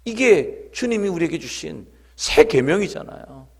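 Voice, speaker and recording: A man's voice: a little high, lively intonation, normal speed, creaky, a little mellow, slightly rough. A middle-aged man, a pastor preaching at a revival meeting, telling stories and making emphatic appeals. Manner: emphatic storytelling, rising to impassioned appeals. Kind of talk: revival sermon.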